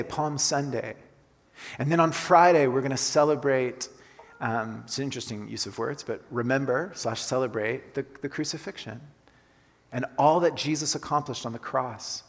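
A man who grew up in Colombia, speaking mid-range at a moderate pace, preaches a conversational sermon in a church sanctuary. He repeats his key phrases for emphasis, and the recording carries long hall reverb.

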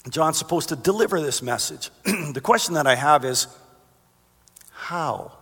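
A man preaching a sermon as pastor, earnest, reading verses and climbing higher for emphasis. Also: expressive, brisk, a bit bright, slightly rough. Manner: earnest, rises in pitch for emphasis. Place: church sanctuary. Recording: long reverb of a large hall.

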